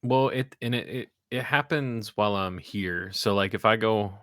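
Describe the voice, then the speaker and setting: A man's voice: lowish voice, moderate pace, no echo, studio quality. A young man from West Virginia with a mild Hoosier accent, chatting casually on a podcast and telling folksy stories. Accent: Indiana Hoosier, faint West Virginia traces. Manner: relaxed storyteller, folksy sayings. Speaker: podcast co-host. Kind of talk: casual chat.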